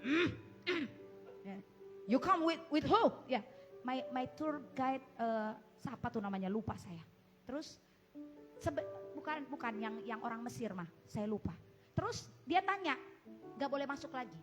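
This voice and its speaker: High-voiced woman pastor, music behind. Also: a little slow. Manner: animated storyteller, mixes English phrases. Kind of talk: sermon storytelling.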